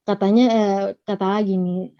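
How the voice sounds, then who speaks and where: A woman from Gorontalo giving a personal testimony, retelling her story in a halting, earnest way. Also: medium pitch, fairly even intonation, no room sound. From Gorontalo, Indonesia. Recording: dull lo-fi recording.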